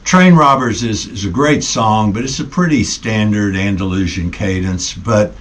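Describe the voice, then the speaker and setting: A middle-aged man, a band member, chatting casually in a relaxed way with frequent pauses and ums. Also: on the low side. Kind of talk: casual conversation.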